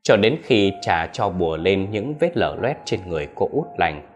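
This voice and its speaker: A man narrating a horror story in an expressive storytelling manner, with soft music underneath. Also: sits low, moderate pace, a little hiss or hum.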